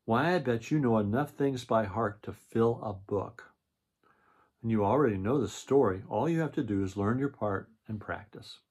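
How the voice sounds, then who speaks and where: A man's voice: lowish voice, normal speed, darkish tone, slightly rough. Older man reading as patient mother bear. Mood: reassuring. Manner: patient, advising, in a grandpa's reading voice. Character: reassuring, practical mother bear in a storybook.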